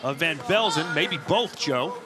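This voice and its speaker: A man's voice: on the high side, expressive, unhurried, background noise. A man giving live play-by-play kickboxing commentary as a broadcast commentator.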